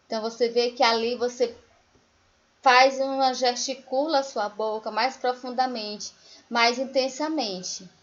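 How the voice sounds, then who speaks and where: A woman primary school teacher, giving a recorded remote lesson to children, explaining patiently and singing example words slowly. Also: fairly high pitch, fairly even intonation, lo-fi sound.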